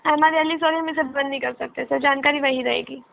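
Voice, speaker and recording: A woman's voice: sits high, fairly even intonation, a little fast, creaky. A woman working as a customer care agent, answering patiently on a phone call. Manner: polite, patient, scripted. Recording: tinny phone line.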